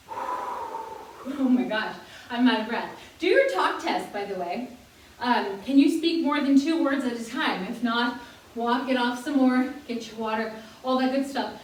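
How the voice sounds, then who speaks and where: High-voiced chatty woman exercise instructor. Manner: chatty, laughing, counting out moves. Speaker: fitness instructor. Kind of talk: guiding a senior exercise class. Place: fitness room. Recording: very echoey room, mic far off, faint noise.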